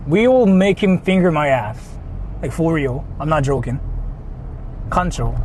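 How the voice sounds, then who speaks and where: Fairly high-pitched with lively intonation, an unhurried pace, and a darkish tone, this native Japanese speaker with a Japanese accent livestreams from his car while driving. He chats casually, reads donations, rambles, repeats himself, and jokes crudely, with the moving car's interior making plenty of noise.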